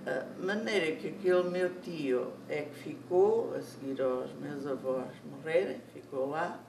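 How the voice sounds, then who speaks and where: An older speaker with a European Portuguese accent, slowly recalling family memories with many restarts. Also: medium pitch, gravelly, noisy background. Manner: slow, halting recollection with many restarts. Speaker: senior storyteller. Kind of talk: life story told aloud. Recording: echoey room, speaker far from mic.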